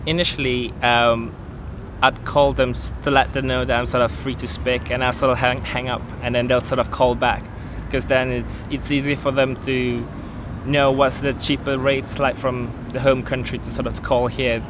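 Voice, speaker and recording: Casual man from Singapore, rumbling background. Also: level tone, normal speed, noisy background. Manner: casual, peppered with "sort of" and "like". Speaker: PhD student. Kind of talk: interview testimonial.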